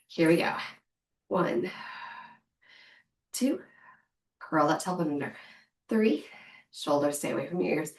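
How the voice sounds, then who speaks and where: Woman fitness coach at home, slow and easy delivery, roomy sound from a distant mic. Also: low voice, lively intonation, darkish tone. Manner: upbeat counting and cheering reps. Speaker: fitness instructor. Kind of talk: live workout coaching. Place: room at home. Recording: echoey room from far off.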